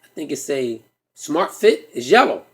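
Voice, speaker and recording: A man telling a comic story, animated and profane, acting out the dialogue himself. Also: on the high side, measured pace. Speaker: stand-up comedian.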